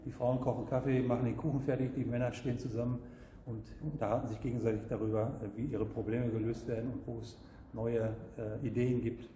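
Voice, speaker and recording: A middle-aged man, a guest acting as product seller, explains a product in a camper showroom, a large indoor hall. He sounds earnest and hesitant, with frequent fillers, and his medium-pitched, mellow voice is flat and a little fast. The hall's long reverb and a slight hiss or hum color the recording.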